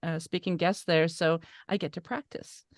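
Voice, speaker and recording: A woman's voice: lowish voice, steady tone, normal speed, no echo, studio quality. A woman from Canada's East Coast with an Acadian accent, chatting casually as a podcast guest. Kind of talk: casual chat.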